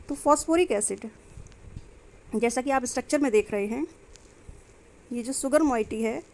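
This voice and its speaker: High-voiced woman teaching biology. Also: a little mellow. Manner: explains step by step, asking and answering her own questions; mixes in English terms and sentences. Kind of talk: exam-prep lecture.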